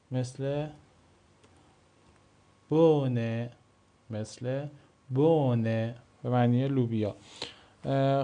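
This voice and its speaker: A man with a mellow, darker voice gives a German pronunciation lesson in Persian. He explains patiently and says each example word twice, with a pitch that sits in the middle for a man. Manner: explains slowly, repeats example words. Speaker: German language teacher. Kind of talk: video lesson.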